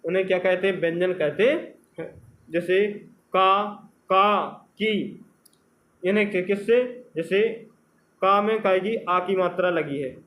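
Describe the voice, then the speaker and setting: Guy teacher doing grammar prep, kinda high voice, asks then answers his own questions, stretches out letter sounds. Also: low-quality recording. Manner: asks questions and answers them himself, repeating answers. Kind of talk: exam-prep grammar lesson.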